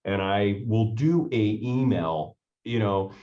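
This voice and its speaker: A podcast host with a lowish male voice chats in an enthusiastic, rambling way. The recording sounds dull and lo-fi. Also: slow, warm tone. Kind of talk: casual podcast chat.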